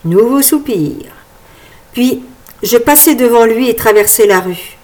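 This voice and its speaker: A woman reading a first-person novel aloud as an audiobook narrator, in a lively, wry storytelling manner. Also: on the high side, a little slow.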